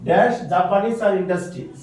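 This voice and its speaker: A man's voice: high voice, quick pace, a little mellow, recorded from a distance, a little hiss or hum. A male teacher, quizzing his students with repeated questions during a grammar lesson. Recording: very echoey room, voice from afar.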